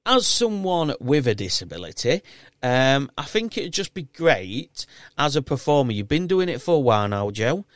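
A man's voice: medium pitch, big pitch swings, moderate pace, no echo. A man with a thick Yorkshire accent hosting a casual podcast in a chatty, encouraging, matey way. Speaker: podcast host and quizmaster.

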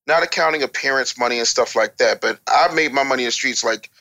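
Here the American former radio DJ and record maker is a candid, conversational interview guest whose talk is blunt, emphatic and streetwise. He speaks fast at a medium pitch, sounding pushed and bright.

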